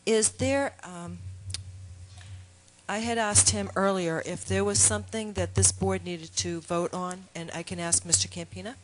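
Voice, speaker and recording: A woman with a slightly low voice puts questions to an official at a public board meeting. She speaks deliberately and hesitantly, with fillers, into a table microphone. Her tone is procedural and probing. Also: poor audio. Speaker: town board member. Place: town meeting room.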